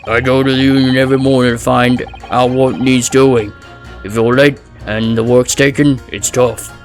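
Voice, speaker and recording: A man's voice: mid-range voice, little pitch movement, moderate pace, faint music behind, natural voice. Man doing a blunt, weary working-class labourer. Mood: gruff, weary. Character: gruff, hard-up working-class male labourer, defensive family man.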